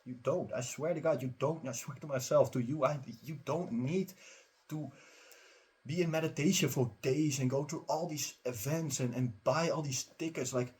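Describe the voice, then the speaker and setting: A man who runs a spiritual teaching channel gives his viewers a casual pep talk, speaking directly, emphatically and repetitively as he urges them on. His voice is slightly high, a little mellow and breathy, at a moderate pace.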